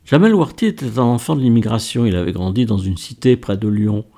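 A man reading a novel aloud as narrator, in a steady storytelling manner. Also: mid-range voice, brisk. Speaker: audiobook narrator. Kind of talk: scripted narration.

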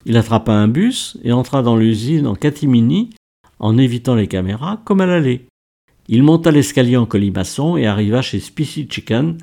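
Male narrator for a novel: gravelly, dark, steady storytelling. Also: mid-range voice, normal speed. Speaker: audiobook narrator. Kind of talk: scripted narration.

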